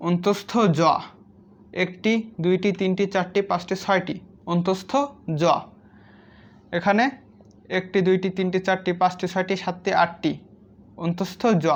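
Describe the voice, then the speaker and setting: Patient children's teacher who counts each item aloud. Mid-range voice, slightly muffled recording. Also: medium pitch. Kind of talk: step-by-step lesson for young children. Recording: slightly dull lo-fi sound.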